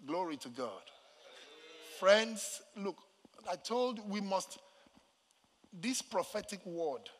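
A Nigerian man preaching a sermon as pastor, swinging from quiet asides to shouted, sing-song lines. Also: sits high, big pitch swings, slow, pauses often, in a large hall.

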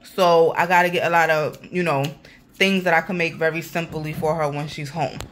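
Chatty woman with a low voice. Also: steady tone, moderate pace, a little hiss or hum. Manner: chatty, talks straight to viewers as y'all. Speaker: vlogger. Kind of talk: casual grocery haul vlog. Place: apartment kitchen, indoors. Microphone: handheld phone camera.

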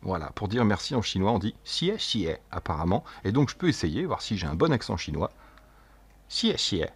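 Man, tech reviewer, low voice, slightly husky, chatty and joking, casual gadget demo. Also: sing-song, no room sound. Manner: chatty, jokey, speaks test phrases slowly and clearly. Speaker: tech reviewer demonstrating a translator device.

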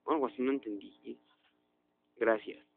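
A young man chatters through a video game, his voice shooting up into loud, high yelps of surprise. His pitch sits in the middle for a man. The audio is tinny and narrow, like a phone line. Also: normal speed, gravelly. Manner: excitable, jumps to loud high outbursts. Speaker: gaming youtuber. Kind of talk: let's play commentary.

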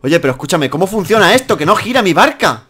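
A Spanish man with a high, bright voice that swoops up and down as he plays and jokes with a friend. He talks in a loose, animated way over voice chat. His delivery is lively and playful. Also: fast talker, slightly rough. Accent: Spanish (Spain). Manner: animated, loud laughing, joking. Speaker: gamer host. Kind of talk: casual let's play banter.

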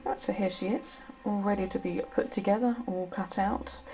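Chatty and self-deprecating, a middle-aged woman talks casually through her sewing project for a vlog, recorded indoors in her home sewing room. Her mid-range voice holds a steady tone at a normal speed.

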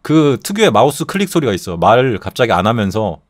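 Animated, swearing middle-aged male streamer. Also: medium pitch, fast talker, no room sound, clean studio sound. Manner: profane, animated storytelling with constant swearing. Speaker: streamer host. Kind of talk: casual live-stream chat.

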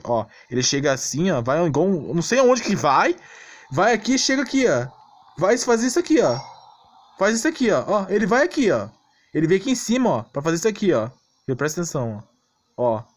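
Speaking fast with big swings in pitch, this Brazilian man's voice sits on the high side as he hosts a gaming channel tutorial. His commentary is casual but blunt and exasperated, and he keeps ending phrases with questions to check that the listener is keeping up. Background noise and clicking can be heard.

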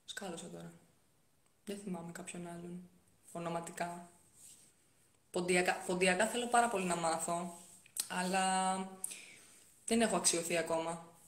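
A woman's voice: on the low side, steady tone, pauses often. Young woman streamer on her phone at home, chatty, answers comments, roomy sound. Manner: chatty, reads comments aloud and answers them, with frequent soft-spoken asides. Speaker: live streamer. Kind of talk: casual live-stream chat answering viewer comments.

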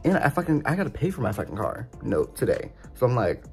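A woman's voice: rumbling low, big pitch swings, quick pace, a little mellow, soft background music. A young adult woman vlogging in a casual, exasperated rant, swearing freely as she talks. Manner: profane, exasperated ranting. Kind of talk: casual ranting vlog.

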